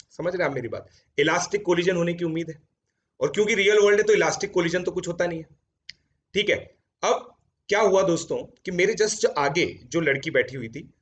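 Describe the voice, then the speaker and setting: A man's voice: a little high, fairly bright tone. A man in his thirties, a coaching educator, telling a story from his student days to his students in a chatty Hindi-English mix, recorded in a home studio. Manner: chatty Hindi-English mix, frequent "theek hai" fillers. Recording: dull lo-fi sound.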